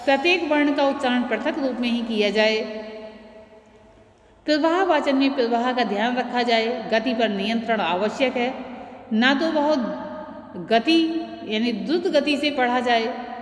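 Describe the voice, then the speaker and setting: A woman teacher giving a classroom lecture, slowly explaining and stressing example words. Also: on the high side. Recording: echoey room with long reverb.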